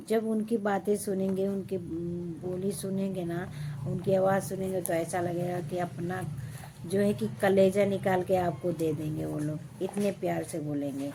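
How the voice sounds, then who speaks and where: A woman's voice: medium pitch, dark tone, slight background noise. A woman vlogger talking casually to her viewers in a chatty, moralizing way. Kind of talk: casual home vlog talk.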